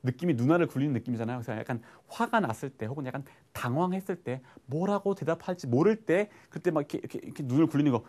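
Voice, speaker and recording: A Korean man teaching an English lesson, asking himself questions and answering them, and reading English phrases slowly before translating them. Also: medium pitch. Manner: lively explaining, asks and answers his own questions.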